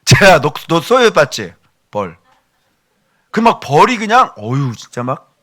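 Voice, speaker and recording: A male pastor giving a sermon in an animated way, with joking asides to his congregation. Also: fairly high pitch, measured pace.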